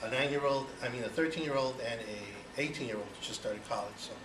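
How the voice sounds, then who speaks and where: A man's voice: mid-range voice, a little fast. Cuban-born man speaking in an echoey room. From Cuba. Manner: conversational, many you-knows, rhetorical questions. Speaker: speaker giving an icebreaker speech. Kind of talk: personal speech to an audience. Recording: echoey room, voice from far off, noisy.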